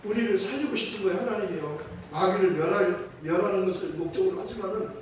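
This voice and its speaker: A man preaching a sermon as pastor, telling a story with lively acted-out voices and chuckling now and then. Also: high voice, fast, slight background noise. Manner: animated storytelling, acts out quoted voices. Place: church sanctuary. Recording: echoey church hall, mic at a distance.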